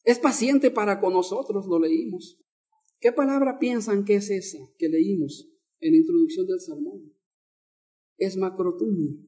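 A man's voice: high voice, a little slow, mellow. A male pastor preaching a Bible-teaching sermon, repeating key words and asking the congregation questions.

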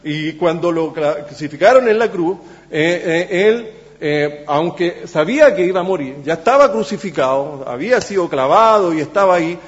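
A man preaching a sermon in a church, halting with many fillers and restarts, then pressing points with emphasis. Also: a little high, expressive. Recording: echoey church hall, dull sound.

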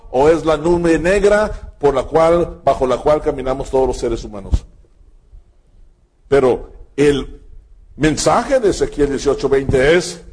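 Slow, husky-voiced male preacher. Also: darkish tone. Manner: slow, emphatic preaching with sudden pitch jumps. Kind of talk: sermon.

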